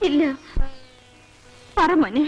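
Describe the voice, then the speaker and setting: An actress playing a gentle mother who soothingly coaxes her little son to speak, in film dialogue. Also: very slow, faint music behind. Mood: coaxing. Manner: soothing, repeatedly urging. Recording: dull, muffled old film audio.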